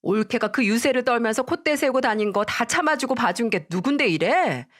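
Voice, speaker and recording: A spiteful young sister-in-law who snaps back sharply, her voice raised and lively, as a woman puts her on. It is a dramatized story read aloud. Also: fairly high pitch, brisk, pitched above the performer's own voice. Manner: sharp, snapping.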